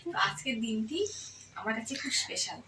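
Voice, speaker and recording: A woman's voice: a little high, moderate pace, noisy background. A middle-aged woman with a Bengali accent, chatting casually to viewers in a home vlog. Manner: lively, chatty. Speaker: vlogger. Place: bedroom at home. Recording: roomy, distant phone camera.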